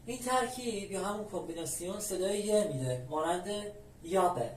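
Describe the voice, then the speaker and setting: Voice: mid-range voice, animated. Patient teacher in an echoey room. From Iran. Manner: patient and methodical, repeats each example word slowly. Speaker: language teacher. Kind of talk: explaining the Spanish alphabet step by step. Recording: roomy, from a distant mic.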